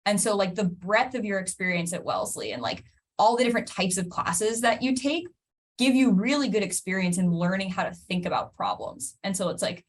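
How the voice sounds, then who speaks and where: A woman's voice: medium pitch, brisk. A woman in her twenties speaking casually as an alumna panelist on a video call, chatty and full of likes. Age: 20s.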